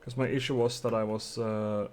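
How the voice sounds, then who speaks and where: A man's voice: lowish voice, flat delivery, moderate pace, darkish tone. A young man from Sweden with a Swedish accent, chatting casually with viewers and muttering to himself while he codes a game on a live stream.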